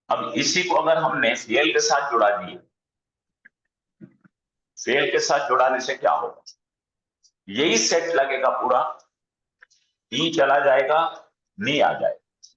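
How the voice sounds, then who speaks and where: A man teaching an online Arabic grammar lesson, slowly drilling word forms aloud on a video call. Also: mid-range voice, expressive, a bit bright. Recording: dull echoey room sound.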